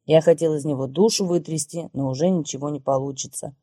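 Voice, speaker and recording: Warm-voiced woman reading an audiobook. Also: deep voice, no room sound, studio quality. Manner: steady, measured reading. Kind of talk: audiobook narration.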